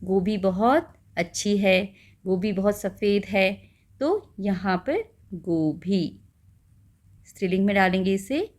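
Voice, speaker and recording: A woman teacher explaining a school lesson patiently, checking in with the listener often and slowing down to spell out words. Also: mid-range voice, expressive, a little mellow.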